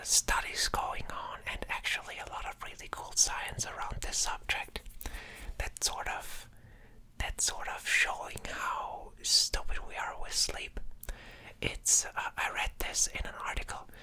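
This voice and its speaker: Sleep-deprived, rambling ASMR whisper. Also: bright, forceful tone. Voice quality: breathy, unvoiced whisper. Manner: hesitant, rambling, trailing off with repeated restarts. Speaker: ASMR creator.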